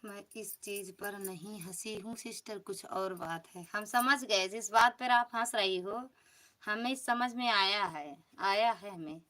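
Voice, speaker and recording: Awadhi woman live streamer, teasing and chatty, crisp bright voice, greets viewers one by one. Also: medium pitch, a little slow. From Uttar Pradesh, India. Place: home.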